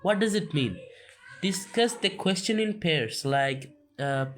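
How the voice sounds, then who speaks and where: A man reading a textbook aloud for a video, explaining as he goes, halting with restarts and coughing now and then. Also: high voice, animated, fairly bright tone, slight background noise. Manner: slow, halting, many restarts and fillers. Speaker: self-taught reader on a video channel.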